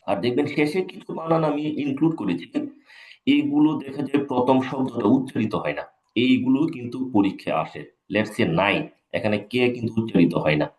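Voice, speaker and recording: A man's voice: medium pitch, darkish tone. A man, an English teacher, giving a live exam-prep lecture, repeating key points and checking in with his students. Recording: echoey room.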